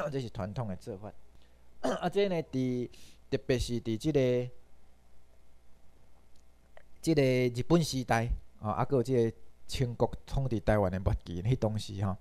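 A man from Taiwan teaching a class, with a mellow, dark voice at a middling pitch. He explains patiently and keeps tagging his points with a drawn-out "hoh". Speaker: lecturer. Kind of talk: classroom lecture.

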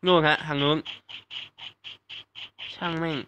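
Bright-voiced excitable young man gaming. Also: slow pace. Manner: excitable, swears casually, yelps at surprises. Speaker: gaming YouTuber. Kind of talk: live gameplay commentary. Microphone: desk mic at home, fan noise behind.

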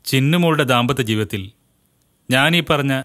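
An actor playing an earnest elder brother who gives his sister a long, measured lecture in a home movie. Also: mid-range voice, a bit bright, close to an everyday voice. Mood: stern.

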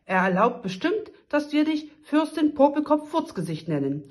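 A woman's voice: high-pitched, big pitch swings, moderate pace, pitched above the performer's own voice. A woman reading a children's story aloud, voicing a pompous old king who lectures his daughter. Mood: persuading. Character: pompous old male king, fatherly and blustering.

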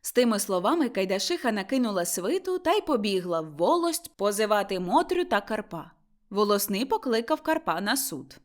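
Woman reading a classic story aloud, animated, up and down a lot. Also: medium pitch, fairly quick. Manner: expressive storytelling. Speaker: audiobook narrator. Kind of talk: scripted narration.

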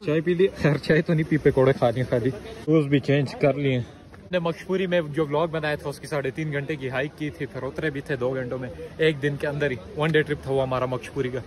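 A young man from Pakistan filming a casual travel vlog on a phone held at arm's length, chatting excitably outdoors on a trail and by a waterfall. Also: a little high, brisk. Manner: chatty, excitable, often laughing. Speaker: vlogger.

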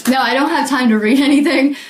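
A woman's voice: high-pitched, quick pace, reverberant. A woman healer talking casually to viewers on a live video, earnest and rambling with many ums and frequent laughs.

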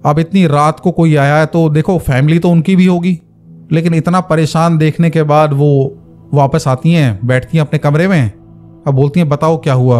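A man's voice: on the high side, fairly even intonation, normal speed, darkish tone, faint music behind. A man narrating a horror story in a casual, conversational way, stopping to explain with asides.

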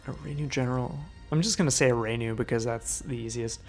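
A man's voice: medium pitch, fast, a little mellow. A man giving casual, upbeat Let's Play commentary and reading the game's text aloud as he goes. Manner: upbeat, easygoing, reads game text aloud. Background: faint game music.

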